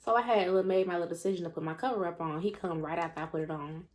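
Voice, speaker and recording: A woman's voice: fairly low pitch, very fast, darkish tone. A young woman tells a story to her viewers while she eats. She is sassy and talkative and says y'all and honey. Her words come between bites, with her mouth still full. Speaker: mukbang vlogger. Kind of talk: casual story time while eating.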